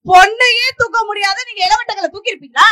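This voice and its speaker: A woman with a very high, piping voice speaks at a comic stage debate. She talks at a brisk clip and needles the judge with one question after another. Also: fairly even intonation, sharp tone, no room sound. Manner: rapid teasing questions, bursts into song.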